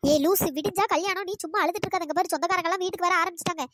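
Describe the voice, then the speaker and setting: A woman's voice: very high voice, fairly even intonation, racing, a bit bright, dry recording, studio quality. A woman voicing the bride's bossy, scolding friend in a cartoon story. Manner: scolding, coaxing.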